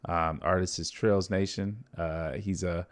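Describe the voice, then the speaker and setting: A man's voice: low voice, steady tone, measured pace. A man, a filmmaker and studio co-founder, explains his projects at length in casual livestream chat, eager and upbeat.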